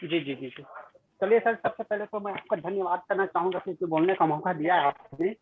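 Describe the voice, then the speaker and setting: A man's voice: high-pitched, fairly quick, slight background noise. A man around thirty, a participant in a training session, speaking politely over a video call and often calling the host "sir". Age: 30s. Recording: tinny phone-like call audio.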